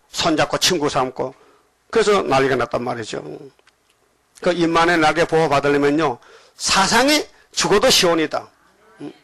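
An older male pastor delivers a lively sermon and keeps quizzing his congregation. His voice sits a little high for a man. The sound is close and dry, with almost no room echo. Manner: animated, questioning the congregation.

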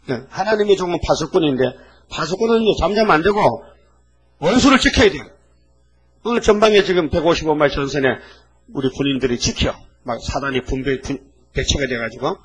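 A man in his eighties giving a sermon as a pastor, talking in a folksy, animated way and often tossing rhetorical checks at the congregation. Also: a little high, husky, poor audio.

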